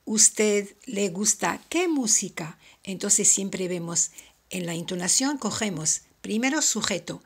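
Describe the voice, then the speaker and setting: A woman teaching a French lesson, explaining step by step and repeating each example slowly. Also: medium pitch, a bit bright, husky. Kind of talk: slow, careful language lesson.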